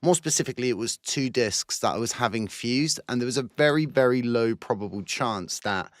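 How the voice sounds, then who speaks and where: A man hosting a crypto channel, talking casually to camera with a croaky, short-winded voice while recovering from surgery. He rambles, repeats himself and fills gaps, speaking from a studio booth. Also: mid-range voice, expressive, a little fast, dry recording. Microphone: new microphone.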